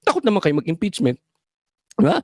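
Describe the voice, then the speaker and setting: A sarcastic political vlogger on a combative rant, firing off rhetorical questions and hammering points through repetition. The voice leaps up and down in pitch with great animation, recorded close and dry with no room sound. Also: wildly swooping pitch, fairly quick, creaky, darkish tone, breathy edge, no room sound. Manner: repeats words for emphasis, mixes in English phrases. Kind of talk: political commentary monologue.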